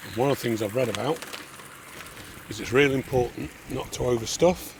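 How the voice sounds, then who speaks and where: NZ male barbecue host, relaxed chatty delivery, gravelly, recorded outdoors with clear background noise. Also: medium pitch, fairly quick. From New Zealand. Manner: relaxed, chatty, talks to viewers. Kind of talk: casual cooking demonstration. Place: backyard outdoors. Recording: outdoor noise with passing vehicles.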